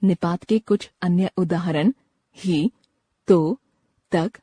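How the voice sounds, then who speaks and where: A woman's voice: lowish voice, slow, dark tone, husky, no room sound. A woman reading a grammar lesson aloud, going through word lists one item at a time. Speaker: grammar reader.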